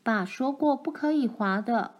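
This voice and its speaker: A woman voicing a bold, lively little girl who talks back. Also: on the high side, measured pace, dull audio. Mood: excited playful.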